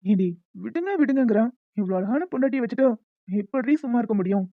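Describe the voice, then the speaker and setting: A playful young cartoon husband who won't take no for an answer, voiced by a woman. The voice sits a little high and the lines come out quickly. It is a dry, dull lo-fi recording. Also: animated, no room sound. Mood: teasing. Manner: fast, coaxing banter. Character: teasing young newlywed husband, playful and persistent. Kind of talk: cartoon voice acting.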